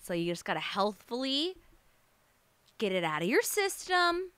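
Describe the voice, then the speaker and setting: A bright, clear American woman chats as a podcast host in a close, dry recording. She is brash and jokey, swears freely, and has a slight retainer lisp that slurs her words. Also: on the high side, sing-song, measured pace, no room sound. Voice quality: slightly lisping, slurred speech from wearing dental retainers. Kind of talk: casual chatty solo podcast.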